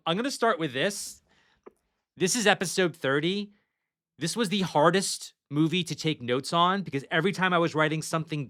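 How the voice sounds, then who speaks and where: A man's voice: on the high side, a bit bright. A man hosting a casual movie podcast, chatty and loose, reading trivia from his notes and swearing now and then. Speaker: podcast host.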